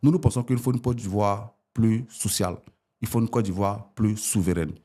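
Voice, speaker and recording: A man in his forties from Ivory Coast, a politician arguing his points as a guest in an interview. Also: moderate pace. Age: 40s. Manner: animated, rising pitch when arguing.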